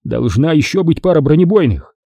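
A man doing a hoarse wounded old sergeant. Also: on the high side, sing-song, brisk, warm tone, no room sound, pitched above the performer's own voice, full character voice. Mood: gruff. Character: wounded gruff older sergeant-major, grumbling.

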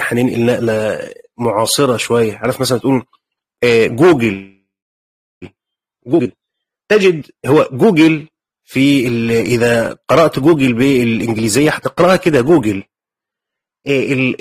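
A man's voice: mid-range voice, husky. A man with an Egyptian accent teaching a lesson on a Quran commentary, explaining conversationally and checking in with his students. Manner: conversational, asks the class questions and explains. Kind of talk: lecture.

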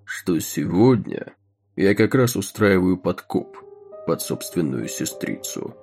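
An actor playing a smug, scheming male railroad executive who speaks in a crisp, monotone, self-assured way. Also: deep voice, slow, soft background music, exaggerated voice.

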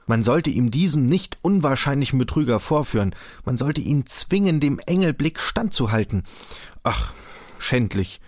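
A man's voice: fairly low pitch, no room sound, studio quality. A man voicing a touchy, suspicious scholar who speaks dismissively and bitterly in an audiobook. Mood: indignant. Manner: dismissive, bitter, quick to indignation.

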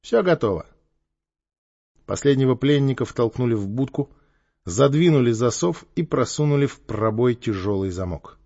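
A man narrating a children's story in an expressive, lively style. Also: medium pitch, moderate pace, dull audio. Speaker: audiobook narrator. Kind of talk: literary narration.

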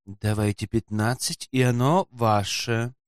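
A man voicing a sly, greedy hotel porter who talks in a folksy, servile, hushed way in an audiobook. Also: medium pitch, steady tone, a little slow, clear, resonant tone, no echo, studio quality, pitched below the performer's own voice, lightly acted. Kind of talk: audiobook character voice.

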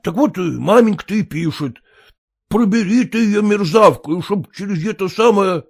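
A man doing a gravelly pleading peasant. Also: high-pitched, voice pushed up. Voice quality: rough, rustic speech. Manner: wheedling, halting with fillers.

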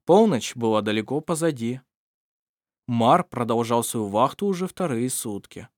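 In a dry, clean studio recording, a male audiobook narrator reads scripted narration. His medium-pitched voice carries a steady, measured storytelling manner.

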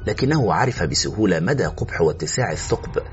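A fast-talking man with a low voice reads a suspenseful audiobook, sounding tense and expressive. Faint music plays beneath a somewhat muffled recording.

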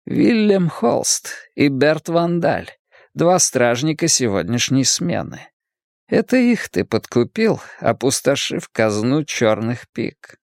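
A man voicing a cold, calculating young male gang leader who speaks slowly and with quiet menace. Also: medium pitch, big pitch swings, creaky, dry recording, studio quality, full character voice. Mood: coolly menacing. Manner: slow, measured, quietly menacing.

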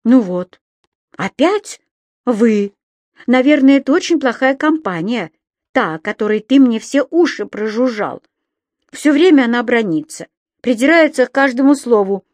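A woman's voice: a little high, animated, measured pace, a little mellow, dry recording, pitched above the performer's own voice. A woman voicing a cheeky, playful young male magical creature who teases with naive cheer in a storybook reading. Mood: teasing.

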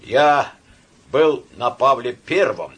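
A man voicing a drunk young officer who shouts and slurs. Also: medium pitch, animated, slow pace, slightly rough, pitched above the performer's own voice, exaggerated voice. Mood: drunken shouting.

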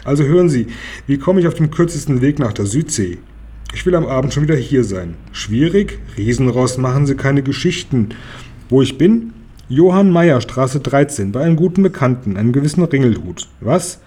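A man's voice: mid-range voice, animated, moderate pace, mellow, husky. A man voicing a clever, mocking talking horse in a storybook reading. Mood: chatty. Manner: mocking, self-assured.

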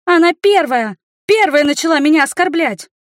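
A spiteful young fire mage girl, voiced by a woman reader whines and stammers in a shrill, high, loud voice. She sounds cornered and resentful. The storybook recording is dry and close. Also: animated, normal speed, dry recording. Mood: shrill, whiny.

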